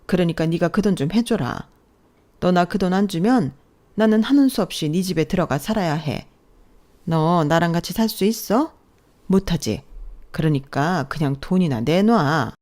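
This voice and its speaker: A woman's voice: lowish voice, lively intonation, normal speed, a little mellow, close to an everyday voice. A woman voicing a brazen, scolding older mother-in-law who demands money, in a bossy, contemptuous radio-drama manner. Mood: demanding. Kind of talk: Korean radio drama story reading.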